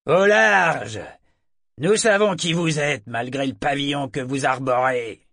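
A man voicing a cruel enemy ship commander who shouts defiantly across the water in an audiobook. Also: mid-range voice, slow, gravelly, dry recording, clean studio sound. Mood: bellowing.

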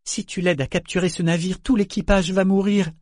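A man's voice: high voice, steady tone, fairly quick, a little mellow, no echo, clean studio sound, pitched above the performer's own voice. A man voicing a nervous, uneasy young man who speaks hesitantly and awkwardly. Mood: urgent.

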